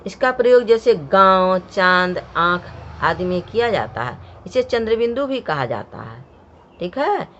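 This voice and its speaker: A woman's voice: medium pitch, a bit bright, slight background noise. A woman teaching a grammar lesson, explaining step by step and sounding out each letter for the learner. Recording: dull, muffled lo-fi sound.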